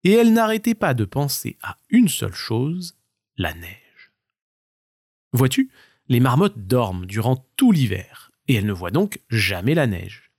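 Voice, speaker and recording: Expressive male bedtime storyteller. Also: medium pitch, normal speed, no room sound, studio quality. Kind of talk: children's bedtime story narration.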